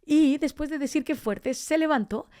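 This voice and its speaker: A woman's voice: high voice, normal speed, darkish tone. A woman telling her personal testimony as a podcast guest, acting out the dialogue she recalls. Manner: storytelling, acting out quoted dialogue. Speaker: podcast guest, street evangelist.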